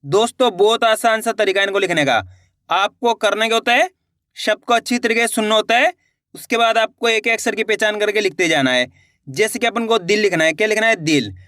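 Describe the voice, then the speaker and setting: High-voiced man teaching Hindi syllables. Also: fairly quick, bright, forceful tone, no echo, clean studio sound. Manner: patient, repeats words and asks questions back. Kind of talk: online lesson, slow syllable-by-syllable explanation.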